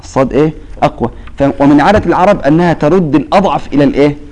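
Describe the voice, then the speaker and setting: A man with a somewhat high-pitched voice and an Egyptian accent teaches a classroom lesson on Quran recitation. He talks in a call-and-response way, leaving questions hanging for his students to finish. When he recites a verse, he stretches it out slowly. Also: a little mellow, poor audio. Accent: Egyptian Arabic. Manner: quizzes students with fill-in-the-blank questions; slow, drawn-out recitation of verses.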